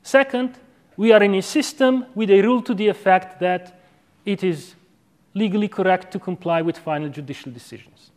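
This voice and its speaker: A man with a fairly high voice lectures on an academic argument. He sounds measured and didactic, setting out each step and checking in briefly as he goes. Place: university lecture room with chalkboard. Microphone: clip-on lapel microphone.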